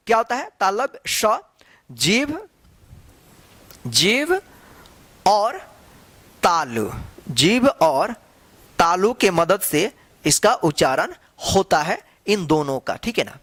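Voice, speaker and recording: Teaching the Hindi alphabet slowly as in a classroom, a man quizzes his listeners constantly and says each sound again and again to show it. His high voice is sing-song and a bit bright, unhurried with frequent pauses, and there is no echo.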